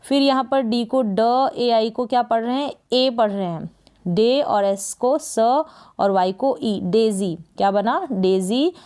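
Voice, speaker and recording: A woman's voice: fairly high pitch, slow, darkish tone, smooth. A woman with a Hindi accent teaching English phonics, spelling each word letter by letter and repeating it. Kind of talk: slow phonics lesson.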